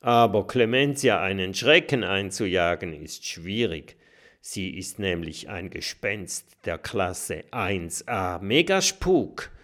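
A man's voice: low-pitched, big pitch swings, slow pace, a bit bright, full character voice. A man voicing a grown male badger who explains things in an emphatic storytelling tone. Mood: explaining.

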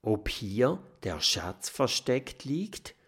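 A man's voice: mid-range voice, very animated, very slow, breathy edge, full character voice. A man voicing an eager, curious young male hero in a storybook reading. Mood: wondering.

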